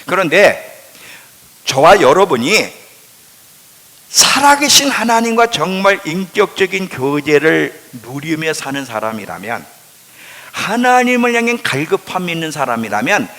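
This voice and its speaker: Male pastor with a lilt, lively pitch, quizzes his flock and answers himself; long church-hall echo. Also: a little slow. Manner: asks the congregation questions and answers them himself; emphatic, swings between loud and hushed. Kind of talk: sermon. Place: church sanctuary.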